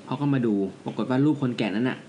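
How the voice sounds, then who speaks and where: A man's voice: medium pitch, warm tone, slight background noise. A man co-hosting a casual podcast, telling ghost stories in a loose, slangy way. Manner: fast, loose storytelling with crude slang. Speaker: podcast co-host. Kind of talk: casual ghost-story chat.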